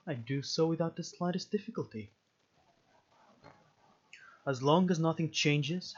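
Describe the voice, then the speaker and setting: This mid-range male voice has a breathy edge, and the recording's highs are cut off. He's a gaming video host playing through a visual novel, reading passages aloud and dropping in sweary, jokey reactions between them.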